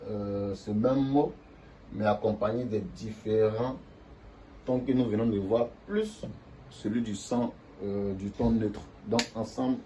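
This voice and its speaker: A man's voice: lowish voice, dark tone, slight background noise. A man teaching a language lesson to viewers, explaining step by step and drawing out syllables to demonstrate tones.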